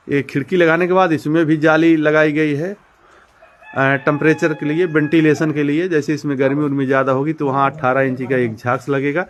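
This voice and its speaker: A man showing viewers around his poultry farm, explaining step by step with many fillers and repetitions. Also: mid-range voice. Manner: addresses viewers directly as friends and brother. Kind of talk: casual walk-through demonstration.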